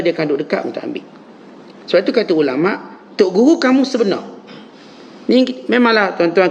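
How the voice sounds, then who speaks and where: A Malaysian man with a Malay accent delivers a mosque lecture as a religious teacher, his voice sitting a touch high and leaping upward on the points he stresses. The recording is muffled and lo-fi, with a faint hiss underneath. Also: creaky. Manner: animated preaching, rising emphatic pitch on key phrases.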